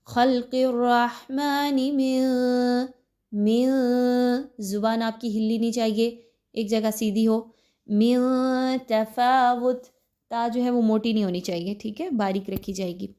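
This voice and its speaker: A woman with an Urdu accent teaching Quran recitation, explaining the rules step by step and pausing to check that listeners have understood. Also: fairly high pitch, steady tone, dark tone. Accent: Pakistani Urdu. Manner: explains step by step, then recites slowly and drawn out; checks understanding with repeated "clear?". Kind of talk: recorded recitation lesson.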